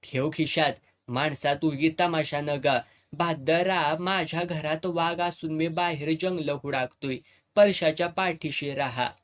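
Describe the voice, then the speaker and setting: A storyteller voicing a blunt, fatherly old village headman who talks gruffly in a rural Marathi village dialect. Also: medium pitch, steady tone, unhurried, natural voice. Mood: coaxing. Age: older. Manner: gruff, earthy, commanding.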